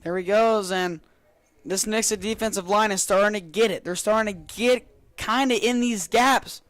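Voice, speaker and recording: A man's voice: high voice, moderate pace, fairly bright tone, dry recording. A man working as a color commentator on live football, enthusiastic and emphatic, repeating his phrases for punch.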